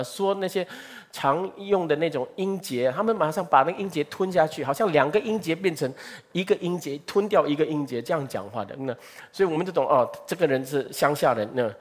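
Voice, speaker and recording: Male preacher, sermon teaching, lively pitch, conversational, asks the audience questions.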